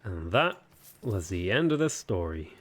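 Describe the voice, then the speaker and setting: A streamer in his twenties chats and jokes casually on a game livestream, reading viewer comments aloud. His voice sits low with big pitch swings, and he keeps a measured pace.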